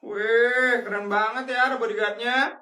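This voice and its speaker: Snooty, sneering young bully, played by a woman; high and roomy. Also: steady tone, moderate pace, pushed and bright. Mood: mocking. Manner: sneering, taunting. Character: snobbish mocking schoolgirl bully.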